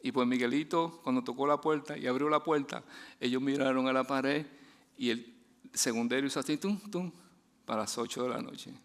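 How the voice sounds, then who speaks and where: A man's voice: fairly even intonation, a little fast. Chatty male preacher telling a story. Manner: chatty, laughing, many restarts; drops soft and low when preaching. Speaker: guest preacher. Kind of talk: storytelling sermon.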